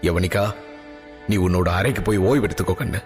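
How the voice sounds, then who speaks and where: A patient, fond king and father from an audio drama, as a narrator puts him on. He talks lower and steadier than the rest, calm and measured. A long reverb and a faint music bed surround the voice. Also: close to an everyday voice.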